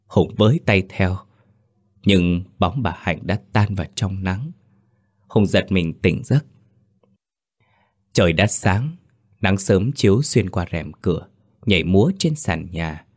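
A man narrating a written story in a slow, solemn way. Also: sits low, animated, dry recording, studio quality. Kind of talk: scripted ghost-story narration.

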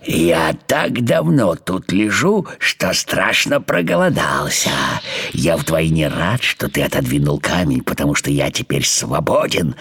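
A man voicing a big, greedy, cruel male spider in a storybook reading, slow and menacing. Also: low-pitched, a bit bright, husky, full character voice. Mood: gloating.

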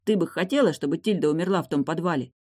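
A reader voicing a wounded man who gently reassures his crying wife in an audiobook. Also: mid-range voice, quick pace, close to an everyday voice. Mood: tender. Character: wounded man, tender, consoling husband.

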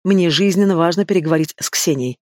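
A man's voice: on the high side, fast talker, darkish tone, no room sound, studio quality, close to an everyday voice. A man reading the part of an arrogant male demon with a purring, insinuating manner. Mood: smug.

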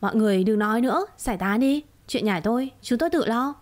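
A woman's voice: fairly high pitch, animated, a little fast, a little mellow, lightly acted. A woman reading as a bitter, accusing young husband. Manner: accusing and harsh.

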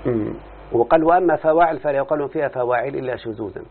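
This Arabic morphology teacher speaks at a racing pace in a medium-pitched male voice, with slight background noise. Working through a text in class, he frequently stops to question the listener directly. Audio is muffled and lo-fi, as if over a phone.

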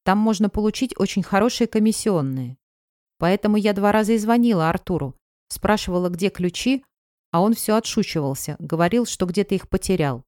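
A woman's voice: mid-range voice, lively intonation, fairly quick, a little mellow, no echo, clean studio sound, natural voice. A woman voicing an anxious, self-justifying woman friend talking on the phone in an audiobook. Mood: defensive.

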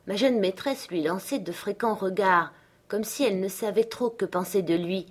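A woman narrating a classic novel in a measured, even storytelling manner. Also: medium pitch, breathy edge. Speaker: audiobook narrator. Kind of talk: scripted literary narration.

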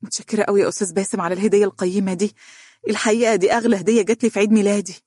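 A hesitant young woman clerk with an Egyptian accent, as the audiobook narrator voices her, talking fast and unsure. The recording is dry and close. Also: mid-range voice, fairly even intonation, darkish tone, slightly rough, dry recording, voice pushed up, lightly acted. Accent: Egyptian Arabic.

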